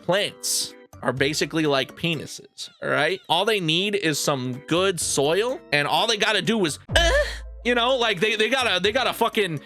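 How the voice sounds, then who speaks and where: An excitable man giving crude, comedic reaction commentary as a streamer, swearing often and repeating phrases for emphasis. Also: sits high, moderate pace, faint music behind.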